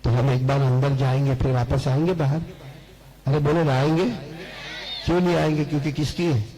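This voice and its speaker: A man preaching a lively storytelling sermon to a large seated gathering, calling on the crowd to answer back. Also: medium pitch, moderate pace, rough recording. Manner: calls on the crowd to answer back, repetitive and animated.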